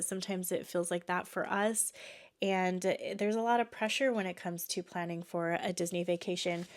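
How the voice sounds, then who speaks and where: This podcast is hosted by a woman in her thirties from Texas who sounds congested from allergies and chats casually, often using fillers and restarting sentences. Her voice sits on the low side with a clean tone.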